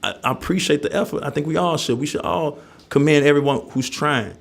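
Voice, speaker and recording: Gravelly man. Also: a little high, brisk. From North Nashville, Tennessee, USA. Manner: emphatic, plain-spoken, colloquial, often checking the listener follows. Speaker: interview guest, community member. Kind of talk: candid conversational interview.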